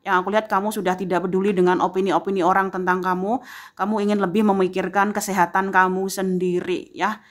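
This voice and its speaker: A woman giving a tarot reading, speaking straight to the viewer and tagging most phrases with a soft "ya". She repeats phrases slowly for emphasis. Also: fairly low pitch. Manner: addresses the viewer directly, filling pauses with a frequent "ya"; slow, emphatic repetition of phrases. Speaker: tarot reader.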